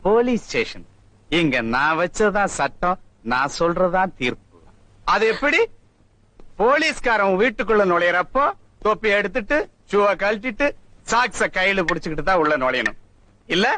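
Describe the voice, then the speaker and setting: An actor playing an arrogant, bullying police officer in a film scene, mocking and domineering. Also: male voice, sits high, big pitch swings, moderate pace, long pauses, sharp tone, dry recording, heavily acted. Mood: gloating. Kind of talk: Tamil film acting.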